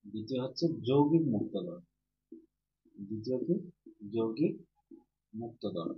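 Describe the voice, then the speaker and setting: A man's voice: mid-range voice, moderate pace. A male teacher giving a grammar lesson to students. He asks questions, answers them himself, and repeats each key term. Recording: roomy, dull, with faint hum.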